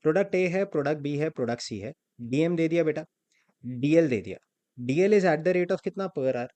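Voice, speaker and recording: This accounting lecture in Hindi, peppered with English terms, has the teacher quizzing his students and getting them to answer out loud. He speaks at a moderate pace in an animated, mellow voice that's a little high.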